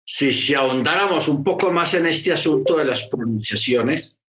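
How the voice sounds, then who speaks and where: A man's voice: on the high side, animated, normal speed, a bit bright, roomy sound. A man preaching a sermon, explaining patiently and repeating key phrases for emphasis. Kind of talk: sermon teaching.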